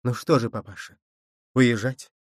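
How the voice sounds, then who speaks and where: A man voicing a self-assured young mother who speaks firmly and with quiet command. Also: medium pitch, fairly even intonation, unhurried, dry recording, studio quality, natural voice. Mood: challenging. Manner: firm, quietly assertive.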